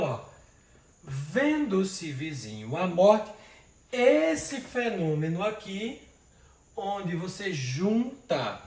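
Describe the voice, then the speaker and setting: A male literature teacher giving an informal poetry lesson, patiently splitting verses into syllables and counting them aloud. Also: a little high. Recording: roomy sound, mic at a distance, faint noise.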